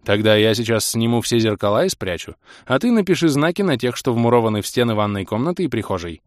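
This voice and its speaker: A man reading the part of a decisive husband and family head in an audiobook, in a brisk, practical manner. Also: mid-range voice, very animated, no room sound, clean studio sound, lightly acted. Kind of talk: audiobook character voice.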